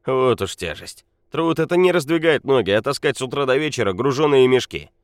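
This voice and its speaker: A man voicing a drunk, boastful quarry owner who slurs and shouts. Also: mid-range voice, animated, a little fast, dry recording, studio quality, pitched above the performer's own voice, natural voice. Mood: drunk, loud. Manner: slurring, shouting, swaggering.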